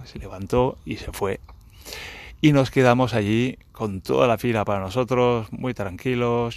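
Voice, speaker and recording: A man's voice: lowish voice, dry recording. Dry-voiced man telling a story. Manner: animated, acts out dialogue with laughs. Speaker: podcast host. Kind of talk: casual storytelling monologue.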